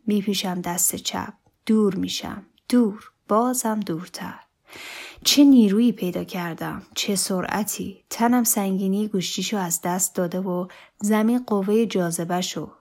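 Calm woman narrating a literary story. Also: mid-range voice. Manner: calm, measured, deliberate reading.

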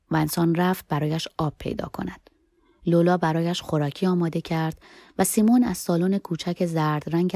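Woman audiobook narrator, low warm voice, soft expressive reading, dry close recording. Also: no room sound. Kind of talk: first-person novel reading.

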